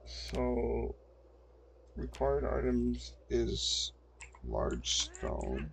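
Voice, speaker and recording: A man's voice: mid-range voice, very animated, drawn-out words, vocal fry, a little hiss or hum. An older man giving casual gameplay commentary, muttering to himself as he plays at a desk mic. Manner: muttering to himself while playing. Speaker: gameplay streamer.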